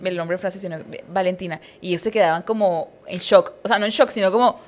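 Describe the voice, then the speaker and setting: Expressive young woman. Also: lowish voice, quick pace. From Colombia. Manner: expressive, imitates accents in anecdotes. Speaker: podcast guest. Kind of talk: casual chat.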